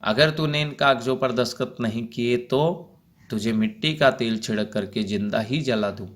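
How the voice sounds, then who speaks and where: A man voicing a cruel, mocking male villain who shouts his threats, read aloud from a school play. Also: mid-range voice, moderate pace, lightly acted. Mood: taunting.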